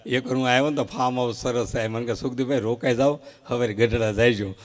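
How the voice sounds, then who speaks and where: Telling jokes fast and with plenty of animation, this male comedian has a mid-pitched voice. He's on an outdoor stage at a folk show before an audience, delivering comic stories live and playing out short quoted exchanges.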